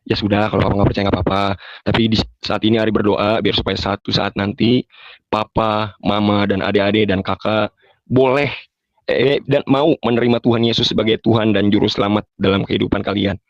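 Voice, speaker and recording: Fast-talking teenage guy, slang. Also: fairly low pitch, fairly even intonation, dry recording, highs cut off. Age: teens. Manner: informal Jakarta slang, emotional retelling. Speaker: interview guest. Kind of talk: personal testimony interview.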